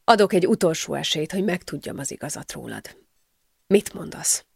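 A woman voicing a cold, bitter young landowner man in an audiobook, speaking clipped and quiet. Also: a little high, expressive, creaky, husky, no room sound, studio quality, full character voice. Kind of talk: audiobook character dialogue.

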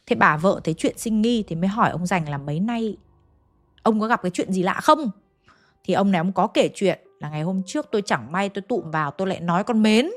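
A woman's voice: mid-range voice, lively intonation, brisk, faint music behind. A young woman with a Hanoi accent narrating a ghost story in a chatty way, speaking straight to her listeners. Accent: Hanoi Vietnamese. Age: young adult. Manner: chatty, addresses listeners directly.

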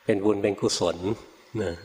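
An older man, a Buddhist monk, giving a relaxed, chatty Dharma talk full of stories and soft particles. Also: normal speed. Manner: relaxed, conversational teaching with frequent particles and anecdotes. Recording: long hall reverb.

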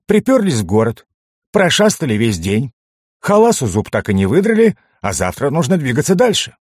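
Guy doing a whiny touchy goblin, voice goes high and low, dry. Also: wildly swooping pitch, normal speed, a little mellow, husky, no echo. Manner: whiny, pleading. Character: chatty, touchy male goblin.

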